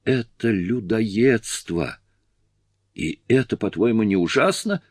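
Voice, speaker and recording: A man's voice: lowish voice, lively intonation, slow pace, no echo, clean studio sound. Scared horrified lady on a lifeboat, man reading puts her on, audiobook. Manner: moaning, appalled. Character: frightened, horrified woman castaway.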